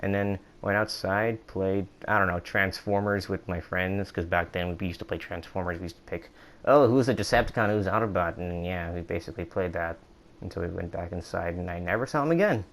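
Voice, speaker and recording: A young man rambling through a casual storytime monologue, with many restarts, who acts out quotes in a higher voice. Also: fairly even intonation, brisk, fairly bright tone. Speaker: vlogger.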